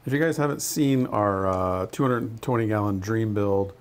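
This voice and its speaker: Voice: mid-range voice, moderate pace, a little mellow. A co-host on a casual livestream, friendly, reading viewer comments and pointing viewers to links. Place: aquarium studio.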